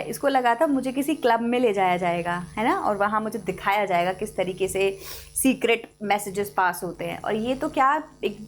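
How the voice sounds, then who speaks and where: A woman teaching an online class, explaining a story in Hindi and reading the English lines out slowly and deliberately. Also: on the high side.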